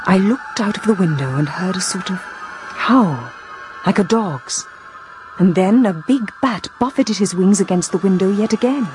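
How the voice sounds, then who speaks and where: A woman plays a frightened young woman narrating her diary in a radio drama. She speaks quietly and evenly. Music plays clearly behind her. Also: medium pitch, close to an everyday voice.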